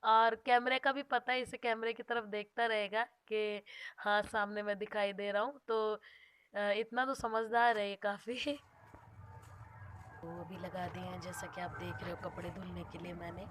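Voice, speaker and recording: A woman's voice: mid-range voice, flat delivery, a little slow, fairly bright tone. A young woman from India narrating a casual home vlog while doing chores and minding her baby. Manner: chatty, talks to the viewer while doing chores. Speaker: vlogger mother. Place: home kitchen.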